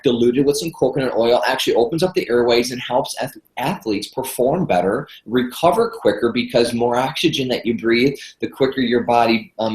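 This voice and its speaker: A congested man from Michigan, appearing as a guest health expert on a podcast interview, chats with enthusiasm in a medium-pitched voice. The audio is poor and reverberant. He's chatty and eager, often repeating words as he starts sentences.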